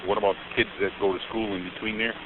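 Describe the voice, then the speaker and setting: A man's voice: fairly low pitch, level tone, fast talker. A man calling a sheriff's office about school buses, talking plainly and informally, heard over a clipped phone line. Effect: clipped, tinny phone line. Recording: archived tinny phone call with hiss.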